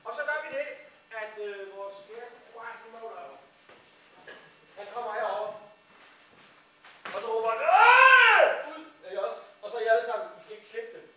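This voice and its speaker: A man directing a school play rehearsal, giving brisk instructions while thinking aloud, recorded from a distance in a large school hall. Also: high voice. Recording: echoey hall from far off, noisy.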